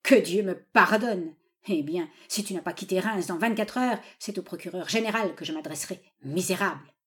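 A woman's voice: brisk, lightly acted. A woman reading a novel aloud, voicing an old father who pleads with his daughter and then rages at her suitor. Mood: furious. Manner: pleading then furious, raised and high. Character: doting, tyrannical old father, quick to rage.

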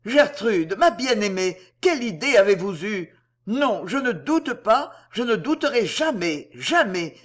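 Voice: mid-range voice, sing-song, unhurried. A reader voicing a young man in love, speaking ardently and emphatically.

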